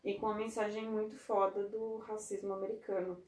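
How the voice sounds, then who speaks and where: Mulher tagarela e brincalhona numa sala com eco. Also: female voice, medium pitch, level tone, brisk, a little mellow, echoey room. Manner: chatty, joking, lots of filler tags. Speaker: podcast co-host. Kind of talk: casual chat.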